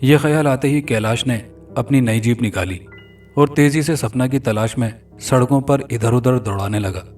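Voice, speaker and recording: A man narrating a scripted horror story in an even, dramatic storytelling manner. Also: medium pitch, normal speed. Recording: distant mic with faint music.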